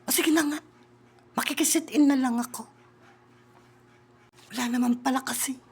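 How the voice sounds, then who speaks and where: A woman with a high voice plays out an improvised comedy skit. She talks in a bossy, teasing way. She keeps slipping into muttered, whispered asides. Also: fairly even intonation, normal speed, breathy edge.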